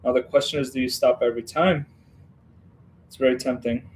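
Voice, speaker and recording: A man's voice: mid-range voice, steady tone, brisk, slight background noise, low-quality recording. A man from Western Ukraine hosting a casual building livestream, chatting and rambling with viewers as he works. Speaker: livestream host building a model set.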